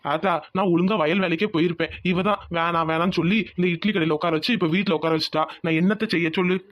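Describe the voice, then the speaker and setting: Quick and high, a man doing a frustrated farmer in a cartoon who grumbles about being stuck at home. His complaints come fast and weary. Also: steady tone, lightly acted. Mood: grumbling. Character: frustrated middle-aged male farmer, grumbling.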